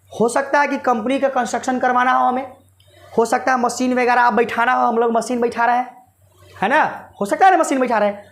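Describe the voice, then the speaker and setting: Woman teacher with a high voice, explains commerce stuff, keeps asking the class questions and answering them, calls them kids. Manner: quizzes students with repeated rhetorical questions; addresses listeners fondly as children.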